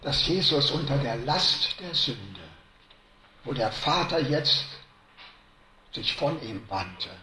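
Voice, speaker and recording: Male preacher, sermon, slow delivery, bright tone, echoey room with faint hiss. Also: medium pitch. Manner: slow, emphatic, swinging between loud stresses and hushed drops.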